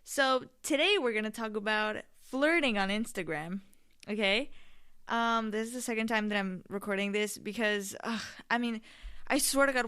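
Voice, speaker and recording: A woman's voice: medium pitch, fairly bright tone, smooth. A young adult woman hosting a casual solo podcast in a candid, slangy, emphatic and rambling way, often swearing. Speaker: podcast host.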